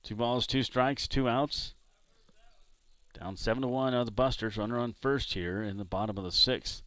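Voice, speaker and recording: A man from San Diego doing play-by-play commentary for a baseball game, chatting between pitches. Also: normal speed, no room sound. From San Diego, California. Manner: relaxed, chatty between pitches, jumps up loud on big hits. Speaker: play-by-play announcer.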